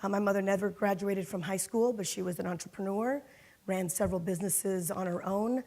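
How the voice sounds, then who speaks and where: On a conference hall panel, a middle-aged corporate security executive from Miami, Florida, recounts her career in a mid-range voice at a slightly quick pace. Her storytelling is lively, sprinkled with lots of fillers and laughter.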